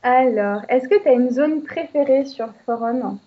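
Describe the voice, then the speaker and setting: High-pitched woman, teasing co-host, casual chat, dull lo-fi audio. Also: measured pace. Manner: teasing, laughs often. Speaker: radio show co-host.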